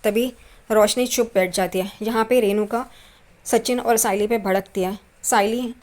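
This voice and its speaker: A woman recapping a TV serial episode at a mid pitch, neither high nor low. She moves scene by scene in a steady retelling and tags each quoted line as she goes. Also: unhurried. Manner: retells scenes step by step, tagging quotes with a trailing "karke".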